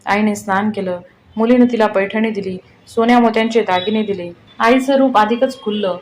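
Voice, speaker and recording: A woman narrating a devotional folk story in steady, phrase-by-phrase telling. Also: mid-range voice, normal speed, slight background noise, poor audio.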